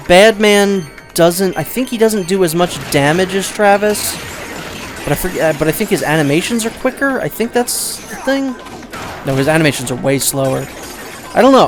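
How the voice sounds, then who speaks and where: A man rambles casually through let's play commentary, a little high in pitch, doubting himself aloud and swearing offhandedly.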